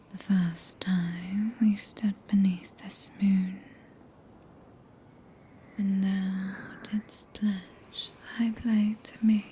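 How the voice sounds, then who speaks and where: A regal witch played by a woman whispers in a soft British accent, drawing out each phrase very slowly. Her breathy voice is mellow, tender and devoted, in an old-fashioned courtly ASMR roleplay. There is a faint noise behind it. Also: medium pitch. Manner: slow, archaic, soothing speech.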